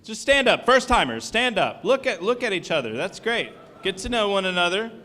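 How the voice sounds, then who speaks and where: A man's voice: high voice, very animated, brisk, bright, forceful tone. Upbeat, joking man emceeing a live crowd. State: a little out of breath. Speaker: event host. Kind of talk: live stand-up style emceeing. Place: event stage before a live audience.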